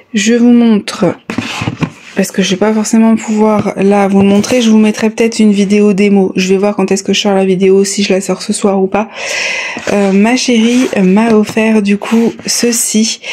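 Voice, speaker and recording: Mellow-voiced woman vlogger, slightly short of breath. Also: mid-range voice, a little hiss or hum. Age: adult, a parent of a child. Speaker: YouTube vlogger. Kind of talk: casual chat to viewers, unboxing.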